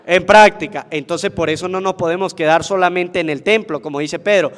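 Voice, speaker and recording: A priest preaches at Mass in a high, carrying voice. He keeps asking the congregation questions and answering them himself. The long reverb of the church rings behind him. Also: fairly even intonation, brisk. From Venezuela. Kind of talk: sermon at Mass.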